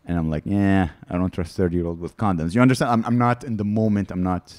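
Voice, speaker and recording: Deep-voiced comedian telling frank stories. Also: male voice, steady tone, quick pace, darkish tone, dry recording. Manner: candid, rambling storytelling with bursts of laughter. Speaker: comedian guest. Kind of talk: casual podcast chat. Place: studio.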